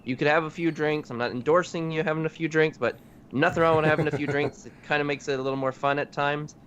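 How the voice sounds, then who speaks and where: A man's voice: fairly high pitch, fairly even intonation, quick pace, fairly bright tone. A man co-hosting a casual podcast chat, easygoing and rambling, correcting himself as he goes. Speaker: podcast co-host. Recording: dull lo-fi audio with faint hiss.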